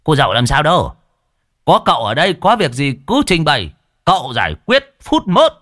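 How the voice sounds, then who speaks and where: A man's voice: on the high side, wildly swooping pitch, normal speed, fairly bright tone, no echo, clean studio sound, voice pushed up, full character voice. A man voicing a jittery, boastful and cowardly old man who stammers and wheedles, in a spooky storybook tale. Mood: boastful teasing.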